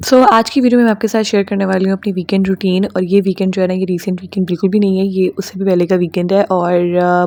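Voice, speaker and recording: A young woman, hoarse from a sore throat, chatting through a home vlog voice-over with many fillers and self-corrections. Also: mid-range voice, mellow, no echo. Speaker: vlogger. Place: home voice-over, close dry mic.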